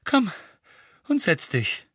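A man's voice: slow pace, fairly bright tone, no room sound, clean studio sound. A man voicing a tired, friendly young witch who talks through yawns in an audiobook. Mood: sleepy. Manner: yawning, sleepy.

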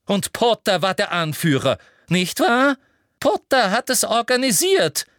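A man's voice: big pitch swings, a little slow, dry recording, studio quality. A man voicing a simpering, cruel female official with a toad-like smile in an audiobook reading. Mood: furious. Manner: sugary and shrill, turning furious.

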